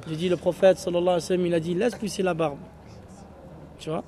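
A man teaching an Arabic class in a rather high, mellow voice. He explains in French, slips in Arabic phrases and keeps checking whether his students follow. A faint hiss of noise sits under the recording. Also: steady tone, quick pace. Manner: explains in French mixed with Arabic phrases, asks "tu vois?" often.

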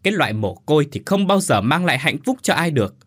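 A man's voice: mid-range voice, sing-song, unhurried, fairly bright tone, husky, heavily acted. A man voicing a cruel, spiteful old mother-in-law who shrieks and hisses insults in a storybook tale. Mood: screaming abuse.

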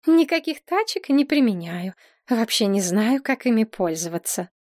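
A woman's voice: a little high, sing-song, moderate pace, a little mellow, no room sound, studio quality. A woman voicing a timid palace cook who pleads in a flustered voice. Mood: evasive.

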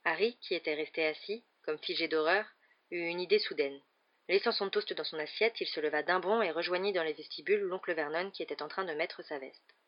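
Audiobook narrator, steady measured read; lo-fi, muffled recording. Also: medium pitch. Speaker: audiobook reader. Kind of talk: scripted narration. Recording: dull lo-fi recording.

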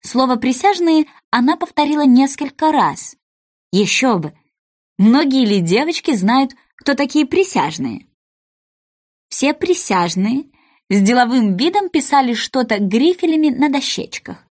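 A woman narrating a children's storybook in a playful, expressive reading. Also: high voice, unhurried.

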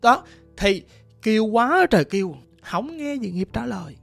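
A storyteller with a Southern Vietnamese accent retelling a ghost story, vivid and animated, acting out sounds. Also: medium pitch, moderate pace, creaky, no room sound, faint music behind. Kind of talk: retold ghost story narration.

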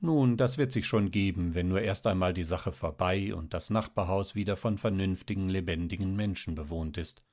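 A man voicing a practical, impatient middle-aged mother in a read-aloud story, with a raised, brisk voice. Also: deep voice, darkish tone.

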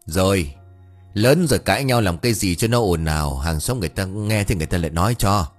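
An old village master with a short fuse, played by a male narrator scolds bluntly, his voice husky and lively. His tone swings quickly between nagging and curiosity. Soft music runs under the storytelling. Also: low-pitched. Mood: scolding.

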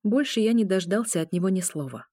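A woman narrating a first-person audiobook in a steady, even storytelling voice. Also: mid-range voice, quick pace, dry recording, studio quality.

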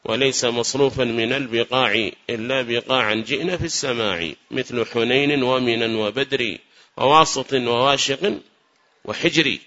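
A man's voice: medium pitch, normal speed, pushed and bright. A man teaching a grammar lesson to students, explaining patiently, repeating points and quizzing them. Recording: muffled lo-fi recording.

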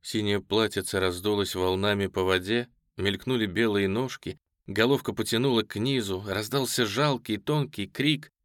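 A man reading a novel aloud in a measured, solemn manner, close to the mic. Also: fairly low pitch, no echo. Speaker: audiobook narrator. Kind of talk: scripted literary narration.

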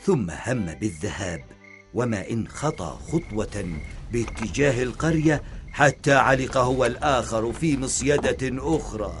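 A man narrating a children's story in a measured, expressive storytelling manner. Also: medium pitch, soft background music.

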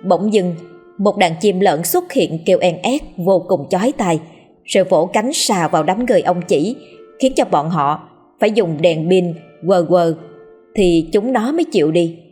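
Brief: female horror-story narrator, husky, lower voice, steady dramatic reading. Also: a little slow, faint music behind.

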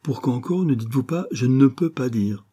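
A man's voice: medium pitch, moderate pace, mellow, husky, close to an everyday voice. A man reading an audiobook, voicing a refined, earnest young woman who patiently corrects someone's speech. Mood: correcting.

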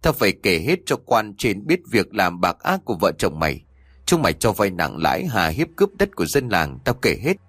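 A man's voice: fairly low pitch, very animated, fairly quick, a bit bright, slightly rough, no room sound, exaggerated voice. A man voicing an old mother who scolds her cruel son, then wails in grief. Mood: stern scolding. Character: stern old mother, wronged and grieving.

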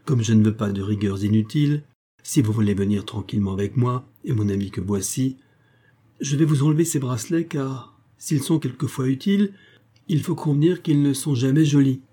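A man's voice: mid-range voice, normal speed, mellow, lightly acted. A man doing a sneering, boastful police detective. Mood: mocking. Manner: mocking, self-assured. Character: sarcastic, boastful middle-aged male police detective.

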